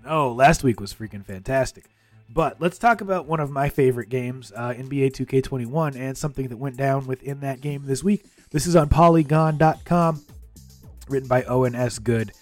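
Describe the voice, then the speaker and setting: A man's voice: medium pitch, moderate pace, dry recording. Guy doing podcast host talk, hypey and playful, dry close sound, faint music. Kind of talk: upbeat video game podcast hosting.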